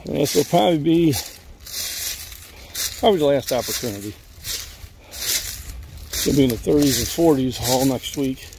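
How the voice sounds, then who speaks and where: An older man walking through woods, rambling in a relaxed way to a phone at arm's length. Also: mid-range voice, moderate pace, vocal fry, long pauses, background noise. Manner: rambling, relaxed, thinking aloud while hiking. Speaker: vlogger. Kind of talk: casual walking vlog. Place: outdoors in woods. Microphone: phone held at arm's length while walking.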